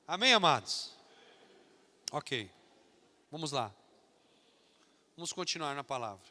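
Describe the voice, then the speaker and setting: A man with a São Paulo Brazilian accent preaching a sermon to a church, animated and emphatic, slipping into mocking voices. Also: on the high side, takes it slowly. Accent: Brazilian Portuguese, São Paulo. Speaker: pastor. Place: church hall. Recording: long church hall reverb.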